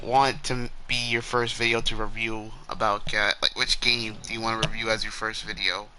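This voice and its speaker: A man's voice: on the low side, level tone, brisk, background noise. A man hosting a casual chat, curious and prodding with repeated questions. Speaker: show host.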